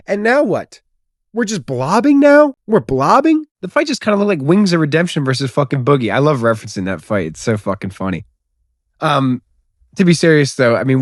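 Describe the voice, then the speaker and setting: A man's voice: fairly high pitch, dry recording, studio quality. Profane, joking young man recapping fights. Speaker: YouTube MMA commentator. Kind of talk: casual comedic recap.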